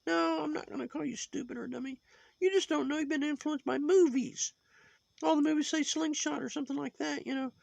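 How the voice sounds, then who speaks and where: A high, reedy sock puppet with a crackly, gravelly edge lectures on and on, moralizing in a judgmental ramble. The sound is dry and close, with no room around it. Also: male voice, fairly even intonation, brisk, a little mellow, no room sound, exaggerated voice. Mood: preachy. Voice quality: high put-on voice.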